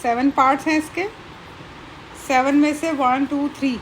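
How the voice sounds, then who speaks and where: A woman's voice: high voice, steady tone, measured pace, a little hiss or hum, low-quality recording. A woman teaching a school math lesson, explaining patiently, checking in often and counting items aloud one by one.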